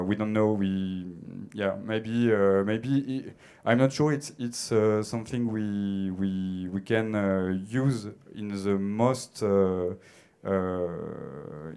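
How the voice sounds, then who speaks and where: A conference speaker with a French accent takes questions on a theater stage, handheld mic in hand. The voice is fairly low, smooth, clear and darkish, and his answers are broken by frequent pauses, restarts and hesitations.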